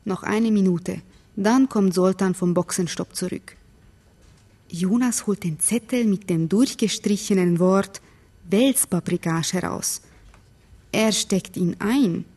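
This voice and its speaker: A woman's voice: mid-range voice, slow pace, mellow. An actress playing a wry young Hungarian woman who narrates her life in a radio drama in clipped inner monologue. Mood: wry, restrained. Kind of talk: scripted first-person radio drama narration.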